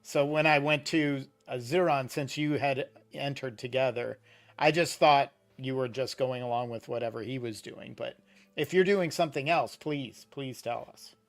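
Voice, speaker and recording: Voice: mid-range voice, moderate pace. A game master narrating a tabletop game in a conversational way.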